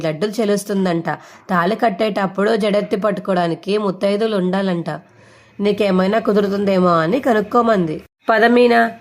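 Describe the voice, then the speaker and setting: A woman's voice: mid-range voice, natural voice. A woman voicing a grown son who teases his mother in a mock-serious, dramatic way. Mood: breezy.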